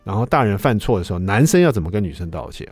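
A fast-talking, low-voiced man around fifty hosts a radio show and tells a family story in a loose, chatty monologue. His pitch jumps all over as he plays out the voices in it. The sound is close and dry, with faint music behind. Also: breathy edge, no room sound. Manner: animated, acts out quoted voices, swings between loud and soft. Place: radio studio. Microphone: studio microphone.

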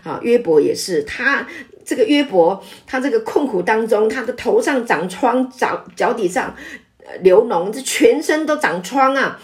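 A middle-aged woman pastor giving an animated sermon, often ending her phrases with a drawn-out "ah". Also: fairly high pitch. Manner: animated preaching with frequent filler "啊".

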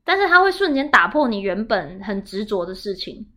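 Bright, fast-talking Taiwanese woman. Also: medium pitch. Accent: Taiwanese Mandarin. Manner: animated storytelling, acts out quotes loudly. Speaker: podcast host. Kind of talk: casual chat.

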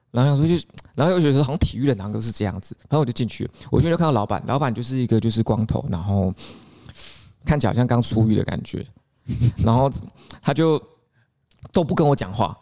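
A man with a Taiwanese Mandarin accent, co-hosting a podcast with an easy, chatty delivery. He tells his story quickly and often breaks into laughter. His voice sits at a middle pitch. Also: expressive, mellow. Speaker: podcast co-host. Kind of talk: casual chat, storytelling.

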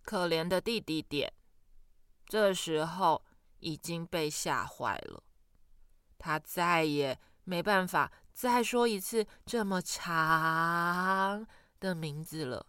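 Woman slowly reading a children's story. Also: fairly low pitch, smooth, no room sound, studio quality. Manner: slow, expressive read-aloud with dramatic pauses.

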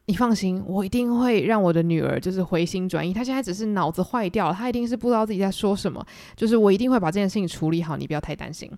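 A woman voicing a fussy, frantic middle-aged mother, talking in a shrill, pleading, high-strung way. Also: expressive, rapid-fire, hardly any pauses, a little mellow, no echo, clean studio sound, close to an everyday voice. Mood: reassuring.

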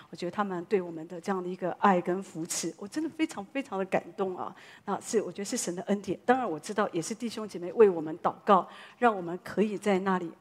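Fast-talking woman pastor. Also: mid-range voice, slightly rough. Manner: lively storytelling with frequent exclamations. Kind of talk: sermon.

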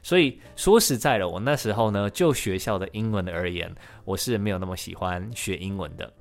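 Low-voiced man. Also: brisk, creaky. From Taiwan. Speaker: podcast host, interviewee. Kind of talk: podcast interview.

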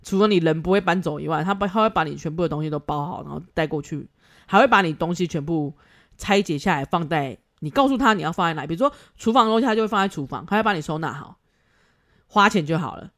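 A woman's voice: on the low side, expressive, fast. A woman podcast host, giving blunt casual advice, swearing freely and laughing often.

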